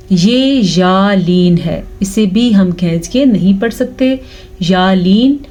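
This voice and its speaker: A woman teaching Quran recitation rules, explaining each sound and then reciting words slowly and drawn out. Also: mid-range voice, dark tone, highs cut off. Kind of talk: recitation lesson with slow drawn-out recitation.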